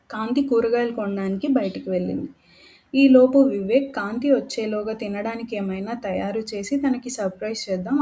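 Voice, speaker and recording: A woman narrating a romantic story in a steady, unhurried storytelling manner. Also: mid-range voice, poor audio. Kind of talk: scripted narration.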